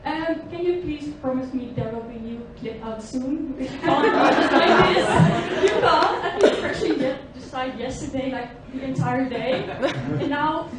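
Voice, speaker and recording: A woman's voice: high voice, animated, measured pace. A woman fan asking a pleading, giggly question from the audience. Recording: echoey hall from far off, loud crowd noise.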